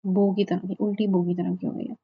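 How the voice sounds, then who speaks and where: A woman teaching a class, slowly and patiently drilling letter sounds one by one and checking with her students. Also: mid-range voice, little pitch movement, breathy edge, lo-fi sound. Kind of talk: online lesson on Arabic letter pronunciation.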